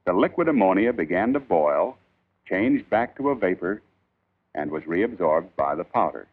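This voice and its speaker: A man reading a scripted 1940s instructional film in a formal, measured, emphatic old newsreel narrator style. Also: sits low, expressive. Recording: tinny band-limited 1940s film soundtrack.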